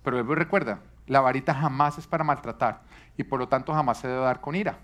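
A fast-talking man with a mid-range, fairly bright voice delivers a sermon about parenting to a live congregation. His teaching is earnest, and he often puts rhetorical questions to the crowd.

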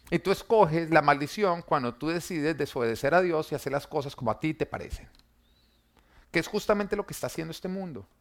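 Here a pastor with a fairly high-pitched voice delivers an emphatic sermon, rising loud and dropping quiet by turns. Rhetorical questions and jokes aimed at the congregation run throughout.

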